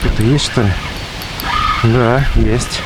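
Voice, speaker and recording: Man, mid-pitched voice, casual fishing vlog commentary, short remarks and exclamations, outdoors, clearly noisy wind on mic. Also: steady tone, takes it slowly. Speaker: fishing vlogger. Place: outdoors by open water in strong wind.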